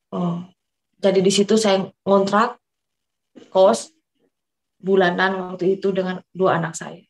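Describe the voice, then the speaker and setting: A woman's voice: mid-range voice, rough recording. A woman from East Java, Indonesia, giving a personal religious testimony, telling her story earnestly and often addressing her listeners as brothers and sisters.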